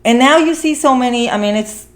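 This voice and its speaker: Talking fairly quickly in a high voice, a podcast host discusses a film in a casual, earnest conversation. She encourages listeners by repeating phrases to stress her points.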